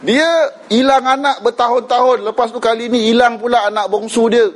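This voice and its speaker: High-voiced Malaysian man giving a chatty religious talk. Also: fairly even intonation, fairly quick, poor audio. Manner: conversational, mixes English words, frequent "kan?" tag questions. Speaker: religious teacher. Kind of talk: informal religious lecture.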